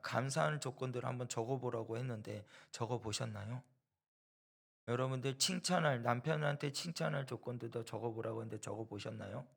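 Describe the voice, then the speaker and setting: Gravelly-voiced man preaching emphatically. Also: mid-range voice. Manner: emphatic, rhetorical questions and repetition; storytelling that acts out quoted voices. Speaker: preacher at a church. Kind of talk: sermon with a personal story.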